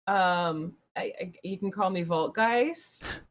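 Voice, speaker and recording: A shy young hero stammers out slow, hesitant words in a tabletop game, with a woman game master voicing him. The voice is close to her own, only quieter in spirit and halting. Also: medium pitch, animated.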